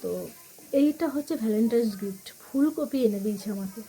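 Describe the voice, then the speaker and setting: A woman vlogging at home while cooking in the kitchen, talking softly and quietly in a casual chat with her viewers. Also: a little high, quick pace, rough recording.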